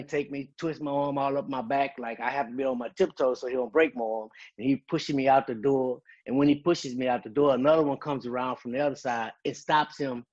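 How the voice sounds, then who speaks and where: Heard through dull audio, a man with a mid-range voice speaks as a guest, sharing an emotional personal testimony. He tells his story earnestly and with conviction, quoting the dialogue along the way.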